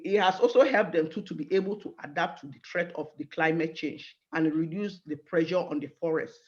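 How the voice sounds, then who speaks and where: A woman guest speaker giving an earnest online talk, slow and with fillers. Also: lowish voice. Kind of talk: online presentation. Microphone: video call. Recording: dull, muffled video-call audio.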